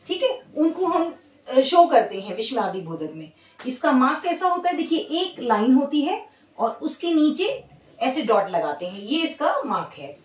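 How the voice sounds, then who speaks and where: Woman teacher, grammar lesson, high lively voice, echoey room, a bit off mic. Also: moderate pace, distant mic. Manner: explains patiently, repeats words, asks and answers own questions; mixes English words into Hindi.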